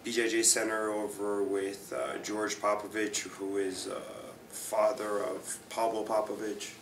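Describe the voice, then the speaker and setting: A Brazilian-born jiu-jitsu fighter and instructor in his thirties, raised in South Florida, answers interview questions in a relaxed, unhurried way, his lowish voice full of "uh" and "you know." He sits in an office chair in a small plain room. A distant camera mic picks him up amid echo and background hum.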